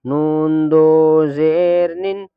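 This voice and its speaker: A man with an Indian Urdu accent teaching Quran reading in a patient spelling drill, spelling syllables aloud and then stretching them slowly. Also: fairly high pitch, level tone, smooth, no echo, phone-quality sound.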